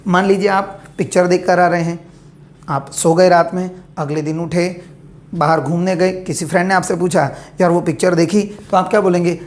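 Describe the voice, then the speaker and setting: A woman teaching a grammar lesson, dictating example sentences slowly and asking questions she then answers herself. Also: lowish voice, fairly even intonation, darkish tone.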